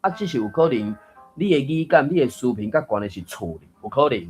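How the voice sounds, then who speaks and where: A man in the host's seat of a language reading group, his voice sitting at an ordinary middle pitch. He talks patiently and repeats example words one by one as he corrects the readers. Soft music runs faintly behind him on the call. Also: animated, a little fast. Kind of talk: explaining tone sandhi and correcting readers.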